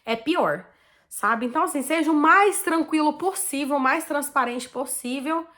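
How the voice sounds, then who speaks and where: At a normal speed and with a voice that sits high, a woman vlogger from Brazil chats animatedly to her audience about a personal experience. She has a Brazilian Portuguese accent and a casual, talkative manner full of "tipo assim" and "né."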